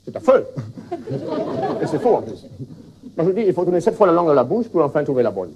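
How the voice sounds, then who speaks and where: A man's voice: on the high side, big pitch swings, a little fast, a crowd in the background, noisy background. A man playing a flustered foreign language teacher in a stand-up comedy sketch, stammering through puns with a put-on accent. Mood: confused. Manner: stammering wordplay, restarts. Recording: 1979 television broadcast.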